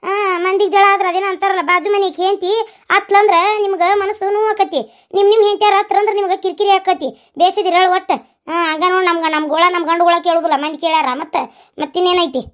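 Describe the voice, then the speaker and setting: A woman with a North Karnataka accent performing a village family comedy sketch, bickering in a lively, animated way. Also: very high voice, quick pace. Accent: North Karnataka Kannada. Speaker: comedy vlogger.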